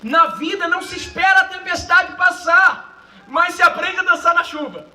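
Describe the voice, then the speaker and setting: High, bright-voiced man preaching emphatically. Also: moderate pace, echoey room, distant mic, a little hiss or hum, poor audio. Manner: emphatic preaching, swinging between shouted lines and quiet asides. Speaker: pastor. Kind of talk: sermon. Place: cinema auditorium used for a church service.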